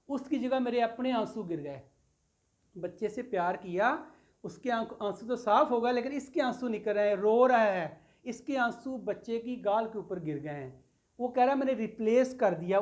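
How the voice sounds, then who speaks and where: A woman's voice: on the high side, darkish tone. A woman teaching a poem in a classroom-style lecture, reading English phrases and explaining them line by line with lots of repetition and fond asides to her students. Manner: explains line by line, repeating and glossing English words, addresses students as "beta".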